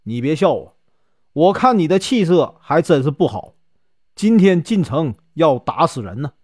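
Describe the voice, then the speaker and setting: A man with a Northeastern Mandarin accent voicing a calm, unhurried old male sage in a told folk story. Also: slightly rough, no room sound, studio quality. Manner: slow, measured, low delivery.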